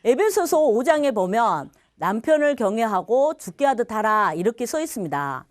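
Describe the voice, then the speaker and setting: Middle-aged woman, church testimony, lively storyteller, somewhat high voice, dry close sound. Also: moderate pace, no room sound. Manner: animated storytelling with laughs, acting out quotes. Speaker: testimony speaker.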